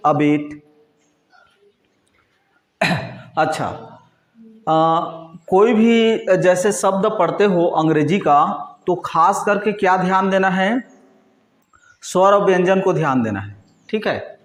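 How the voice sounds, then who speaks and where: Male teacher, high-pitched, slow and deliberate, quizzes the class, roomy echo. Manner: slow, asks questions and answers them himself; frequent "ठीक है" and "है नी" check-ins. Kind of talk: classroom lesson at a board.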